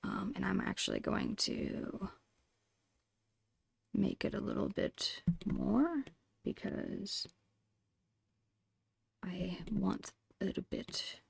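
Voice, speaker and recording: A digital artist hosting an art channel murmurs through an ASMR drawing session, her mid-range voice breathy and often whispered, with huge pitch swings and heavy creak. She speaks very slowly in short, soft phrases, and the sound is close and dry with no room sound.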